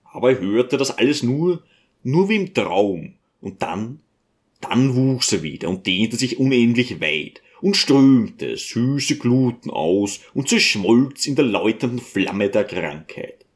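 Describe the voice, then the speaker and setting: Ein Mann, der einen Roman als Hörbuch ausdrucksvoll vorliest. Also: male voice, mid-range voice, takes it slowly. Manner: expressive storytelling. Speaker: audiobook narrator. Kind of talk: reading a novel aloud.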